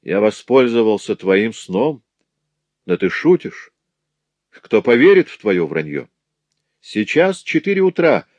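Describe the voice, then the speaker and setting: A man's voice: fairly low pitch, sing-song, unhurried, long pauses, darkish tone, dry recording. A man reading a story aloud, voicing a lecherous male master who mocks and threatens a young woman. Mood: sneering menace. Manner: sneering, taunting.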